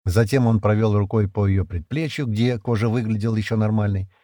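A man narrating an audiobook in an expressive, dramatic storytelling manner. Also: lowish voice, a little fast, dry recording, clean studio sound. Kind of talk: scripted narration.

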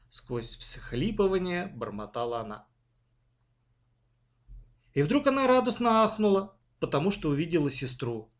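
A man narrating a children's story in a dramatic, expressive reading. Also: a little high.

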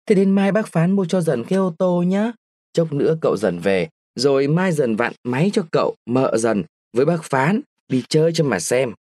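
A man's voice: medium pitch, big pitch swings, moderate pace, few pauses, darkish tone, dry recording, clean studio sound. A man putting on a wheedling little boy. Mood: coaxing. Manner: coaxing, babyish pleading. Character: pampered small boy, eager and wheedling.

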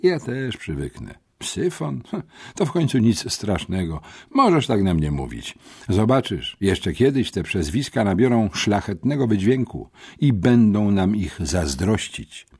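Calm cocky teen boy, a guy voicing him, unbothered, audiobook. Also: lowish voice, unhurried, husky, heavily acted. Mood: confident. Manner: calm, self-assured. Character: calm unflappable teenage boy, confident schemer.

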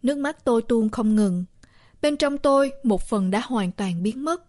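A woman narrating a first-person story in a steady, somber reading voice. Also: on the high side, normal speed, no echo, clean studio sound.

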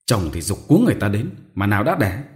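A man's voice: medium pitch, sing-song, normal speed, a little mellow, natural voice. A man voicing a grumbling, impatient old village midwife in a storybook reading. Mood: scolding. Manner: scolding, impatient.

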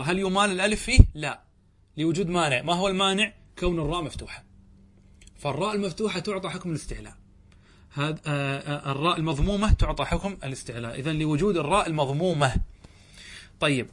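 A man's voice: a little high, fast, pushed and bright, a little hiss or hum. A man, a sheikh, teaching Arabic grammar in a lecture, asking questions and answering them himself, often correcting himself mid-sentence.

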